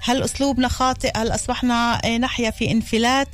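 A woman's voice: a little high, fairly even intonation, racing, faint music behind. A woman hosting a radio talk show, speaking Palestinian Arabic. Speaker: radio host.

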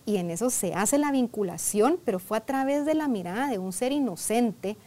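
A woman's voice: fairly high pitch, animated, normal speed, warm tone. Conversational woman therapist telling a case. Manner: conversational, peppered with "¿verdad?" and "o sea"; re-enacts dialogue from sessions. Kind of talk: storytelling in a conversational interview.

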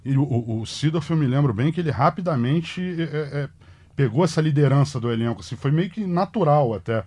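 A man hosting a sports talk, asking brisk, prompting questions. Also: fairly high pitch, animated, a little mellow, breathy edge. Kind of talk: casual sports discussion.

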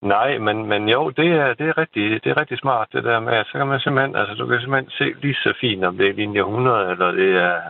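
A man's voice: mid-range voice, creaky, few pauses, dry recording. Rambling middle-aged man on a phone line. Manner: rambling, tag questions, repeated words. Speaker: caller. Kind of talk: casual phone-in chat. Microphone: telephone.

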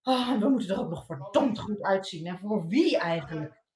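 A woman performing a comic monologue as a worn-out mother, swinging between loud outbursts and mutters. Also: mid-range voice, expressive, normal speed, a little hiss or hum. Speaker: comedian performing a sketch. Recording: roomy echo.

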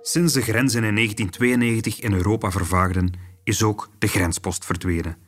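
A man's voice: fairly low pitch, steady tone, brisk. A man with a Flemish accent reading scripted true-crime documentary narration as the host. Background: music.

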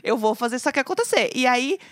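A woman's voice: high voice, animated, quick pace, a bit bright, dry recording, studio quality. A woman from Brazil with a Brazilian Portuguese accent, telling a story in casual chat, acting out the lines she quotes and laughing often.

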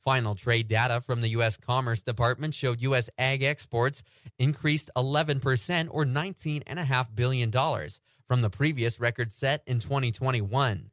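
A man anchors a radio farm report, reading agricultural news and market prices in a steady newsreader style. His voice is mid-range and his pace moderate, recorded in clean studio sound with no room noise.

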